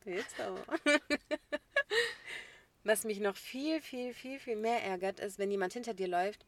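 A young woman in casual chat, animated and slangy, laughing often. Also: medium pitch, moderate pace.

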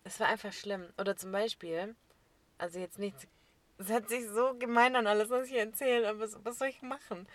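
A young woman chatting casually as a podcast co-host, telling a story with lively laughs and acted-out quotes. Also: medium pitch, brisk. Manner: animated storyteller, laughs often, acts out quotes.

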